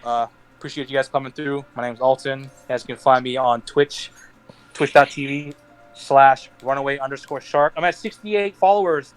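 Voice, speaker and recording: A young man hosting a casual group podcast, rambling through heartfelt shout-outs with restarts and laughs. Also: mid-range voice, steady tone, normal speed, clean tone, soft background music. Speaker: podcast host.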